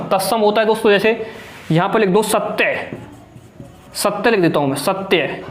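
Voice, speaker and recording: Young male tutor, high voice, echoey room. Urgent, pep-talking, asks his own questions and answers them, sweating as he teaches. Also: a bit bright. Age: young adult. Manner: exhorting, calls viewers friends and brother, asks then answers own questions. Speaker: Hindi grammar teacher. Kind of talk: exam-prep whiteboard lesson.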